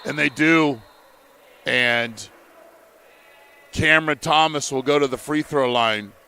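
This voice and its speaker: A man calling a live college basketball game play by play, in measured, steady calls. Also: mid-range voice, slight background noise. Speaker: play-by-play commentator.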